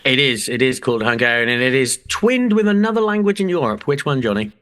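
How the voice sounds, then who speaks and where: This English podcast co-host chats casually in a medium-pitched, sing-song voice that moves quickly and sounds fairly bright. He jokes around with a mock-serious manner and swears casually.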